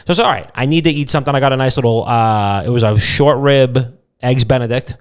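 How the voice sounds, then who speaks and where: A young man with a clear, resonant, medium-pitched voice talks fast while co-hosting a comedic podcast. His stories are casual and jokey, packed with swearing.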